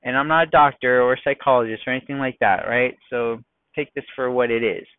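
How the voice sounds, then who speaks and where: A man hosting a casual solo podcast from his car in traffic, chatty and quickly worked up, firing off rhetorical questions. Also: mid-range voice, fairly even intonation, clean tone, no room sound. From United States. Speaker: podcast host. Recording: tinny phone-like dry sound.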